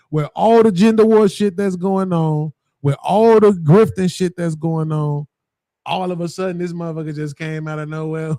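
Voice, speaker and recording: A man's voice: high voice, mellow, dry recording, clean studio sound. A man hosting a podcast in casual chat, profane and rambling, laughing often. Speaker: podcast host.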